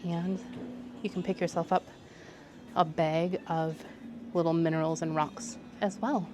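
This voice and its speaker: A woman's voice: fairly low pitch, level tone, unhurried, over music. A woman travel vlogger giving casual running commentary to her viewers as she looks around.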